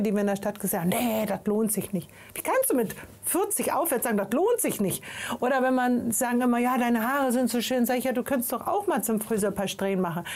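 A woman's voice: fairly high pitch, a little mellow. A woman talking as a guest in a casual talk show conversation, making her case with passion. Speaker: guest, author.

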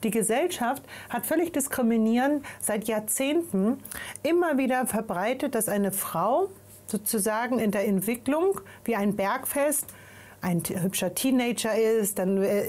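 A woman's voice: a little high, normal speed, a little mellow. A woman talking as a guest in a casual talk show conversation, making her case with passion. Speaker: guest, author.

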